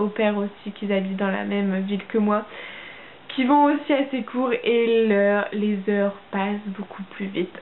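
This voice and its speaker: Young French woman, tinny lo-fi audio. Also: medium pitch. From France. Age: young adult. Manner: hesitant, many fillers and restarts. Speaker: au pair vlogger. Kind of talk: casual chat to camera. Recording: tinny phone-like audio with faint hiss.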